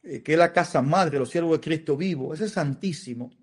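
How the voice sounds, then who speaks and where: Earnest Dominican priest, slightly high voice. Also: male voice, fairly quick, slightly rough. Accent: Dominican Spanish. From Dominican Republic. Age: middle-aged. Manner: earnest, emotional storytelling with repetitions. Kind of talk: interview testimony.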